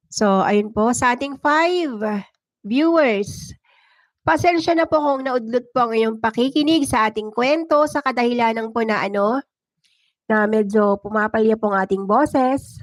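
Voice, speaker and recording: In a dry recording, a woman with a fairly high pitch and a Filipino accent works as a storyteller and livestream host. Her talk ranges from dramatic first-person narration to casual conversation with viewers.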